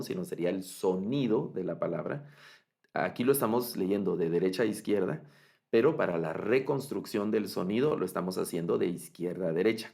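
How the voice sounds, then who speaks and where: Low, gravelly-voiced man teaching a class. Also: darkish tone. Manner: explains step by step, frequent fillers and restarts, checks understanding. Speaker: Bible Hebrew teacher. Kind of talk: online master class lecture.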